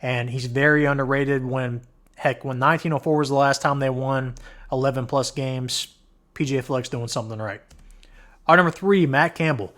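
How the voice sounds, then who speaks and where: A man runs through a college football ranking in a loose, casual way, starting each point with "all right." His voice is wearing out as he goes. His pitch sits in a plain middle range. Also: steady tone, normal speed, a bit bright. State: losing his voice. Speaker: host. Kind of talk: college football countdown commentary.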